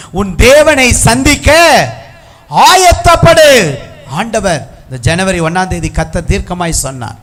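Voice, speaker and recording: A high-pitched man preaching a sermon to a congregation. He swings from a low, confiding telling to slow, stretched-out shouts of praise and command. His voice sits well above the usual male range. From Tamil Nadu. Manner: rising to drawn-out shouted proclamations with calls of hallelujah. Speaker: pastor.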